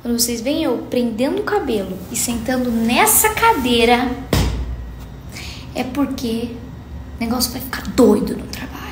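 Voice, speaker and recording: A woman's voice: a little high, animated, normal speed, reverberant, a little hiss or hum. A young adult woman vlogging casually at home, chatty and playful, with rambling asides. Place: room at home.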